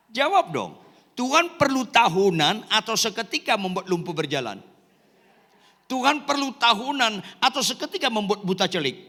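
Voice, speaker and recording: A male pastor preaching an animated sermon, joking and quizzing his congregation and shouting now and then. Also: sits high, in a large hall. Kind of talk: lively sermon.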